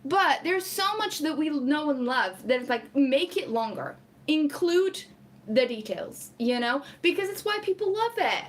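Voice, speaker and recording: A young Portuguese woman, not a native English speaker, chats casually on a live stream, reading out comments and laughing often. Her high, animated voice moves a little slowly, and she's chatty, with plenty of "like" fillers.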